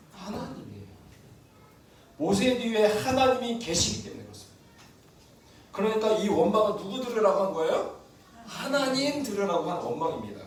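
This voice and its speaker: A man's voice: on the high side, slight background noise. A man preaching a sermon as pastor, often asking the congregation questions and answering them himself. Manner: asks the congregation questions, lively and animated. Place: church sanctuary. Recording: echoey room, mic from a distance.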